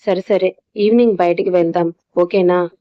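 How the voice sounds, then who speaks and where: A shy young woman speaks softly and gently, as a woman reading a story puts her on. The sound is muffled and dry. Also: fairly low pitch, fairly even intonation, normal speed, no echo, lightly acted. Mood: gentle. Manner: soft, hushed. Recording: dull dry lo-fi audio.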